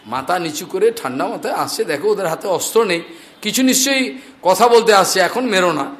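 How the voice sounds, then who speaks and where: High-voiced man telling a devotional story. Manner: lively storytelling, chants scripture slowly. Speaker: preacher.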